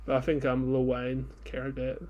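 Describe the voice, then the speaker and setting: A man's voice: mid-range voice, completely flat delivery, moderate pace, darkish tone, dull audio. A man co-hosting a podcast in casual chat, blunt and dismissive, swearing often. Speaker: podcast co-host.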